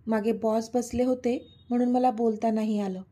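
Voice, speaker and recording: A woman's voice: fairly high pitch, flat delivery, normal speed, warm tone, slightly rough. A woman doing a stubborn teasing young man. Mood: teasing insistent. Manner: teasing, insistent.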